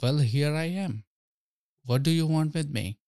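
A man's voice: on the high side, unhurried, darkish tone, dry recording, studio quality, voice pushed up. A man voicing a proud, anxious court storyteller who gets exasperated as he loses. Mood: indignant. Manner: indignant, exasperated. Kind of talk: storybook reading.

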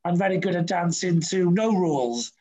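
A man's voice: sits high, animated, normal speed, warm tone, low-quality recording. A man hosting a casual interview, chatty and rambling with lots of fillers. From Wales. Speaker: podcast host.

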